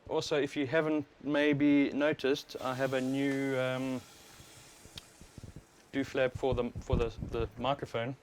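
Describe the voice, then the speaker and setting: A livestream host who overclocks talks a little slowly in a medium-pitched voice, his South African accent clear. The commentary is laid-back, informal and explanatory, recorded on a wireless worn mic; the sound is clear apart from constant background noise.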